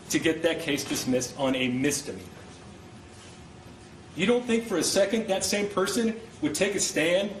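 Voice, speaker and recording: A man's voice: on the high side, a bit bright. A man speaking as a prosecutor, delivering a passionate, insistent closing argument to a jury with emphatic, pointed repetition. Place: indoor courtroom. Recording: roomy courtroom, distant mic, faint noise.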